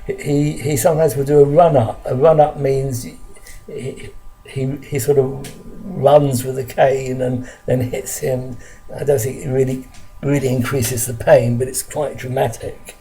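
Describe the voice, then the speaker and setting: An older Englishman from London tells a story from his school days to a close camera, in a halting, earnest way with many restarts. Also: medium pitch, little pitch movement, warm tone, a little hiss or hum, low-quality recording. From London, England. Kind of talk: casual spoken recollection to camera. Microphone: camera close in front of him.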